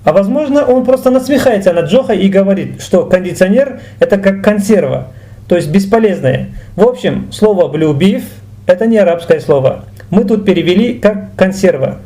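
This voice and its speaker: A man teaches a language in a high, mellow voice with soft edges. His manner is didactic and animated, and he lays out every example with deliberate care.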